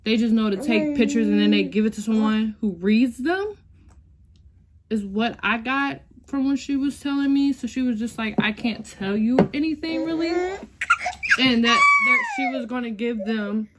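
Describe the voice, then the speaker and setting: A young adult woman vlogger with a fairly high voice, wide pitch swings and a moderate pace shares an emotional personal story. She's casual and chatty, often addressing her viewers as y'all and sometimes nearly crying. The recording is very noisy.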